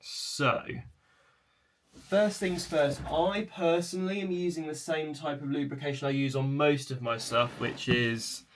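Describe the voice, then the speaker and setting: A man presenting a casual hands-on tutorial in an informal, tentative, explanatory way, with a chair creaking. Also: fairly high pitch, steady tone, a little slow, slight background noise. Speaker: video presenter.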